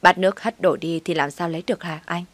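A woman narrating a first-person story in a steady, matter-of-fact way. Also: on the low side, fast talker, no echo.

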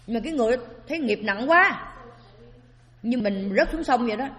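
A woman's voice: on the high side, animated, fairly quick, fairly bright tone. A woman giving a Buddhist Dharma talk as a sermon, often asking her listeners rhetorical questions. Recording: long hall reverb.

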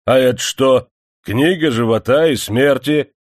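A man's voice: lowish voice, animated, unhurried, a little mellow, no room sound, studio quality. A man reading an audiobook who voices a greedy, hypocritically pious factory manager, scolding and mocking the workers. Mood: scornful. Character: pompous sanctimonious male factory manager, greedy. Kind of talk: audiobook character voice.

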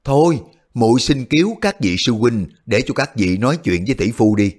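A man's voice: medium pitch, lively intonation, normal speed, darkish tone, close to an everyday voice. A man voicing a cunning, playful young woman disciple who talks in a coy, teasing way.

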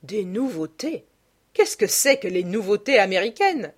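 A woman voicing an effusive high-society old duchess, exclaiming and gushing. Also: very animated, a little slow.

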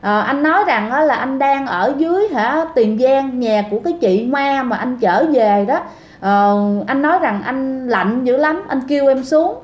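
A woman's voice: high voice, lively intonation, normal speed. A woman telling a ghost story in a chatty way, often addressing her listeners directly. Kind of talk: casual storytelling. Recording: echoey room.

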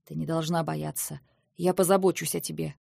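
A woman reading an audiobook, voicing a stern, proud male warlord who speaks in a low, measured, domineering way. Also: steady tone, gravelly, darkish tone, no echo, studio quality, exaggerated voice. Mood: calm, insistent. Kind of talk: audiobook dialogue.

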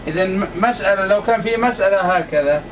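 Male lecturer, high voice, emphatic and repetitive, distant room mic with faint AC hum. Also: quick pace. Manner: emphatic, repeats points to the class. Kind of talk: classroom lecture.

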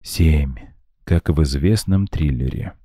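A man voicing a calm, thoughtful young woman in an audiobook, barely changing his voice. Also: very deep voice, slow, husky, no echo, studio quality, exaggerated voice. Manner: composed, thoughtful.

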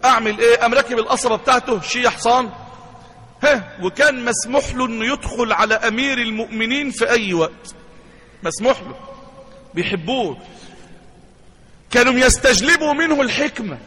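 Male Egyptian imam, sermon storyteller, very high bright voice, reverberant hall. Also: a little fast, pauses often, slightly rough. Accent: Egyptian Arabic. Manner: asks the crowd questions and answers them himself. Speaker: imam and preacher.

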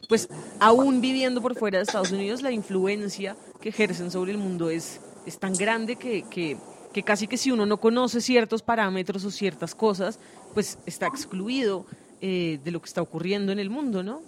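A woman's voice: mid-range voice, moderate pace, a little hiss or hum. A woman hosting a conversational radio interview, explaining her thoughts at length with many hesitations. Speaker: host.

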